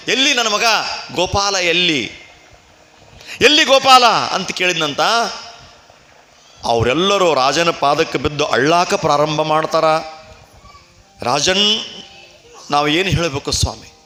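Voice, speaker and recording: A man's voice: on the high side, sharp tone. A man giving a devotional storytelling sermon, acting out characters' cries and then explaining them to his listeners. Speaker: religious storyteller. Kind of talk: dramatic devotional purana sermon.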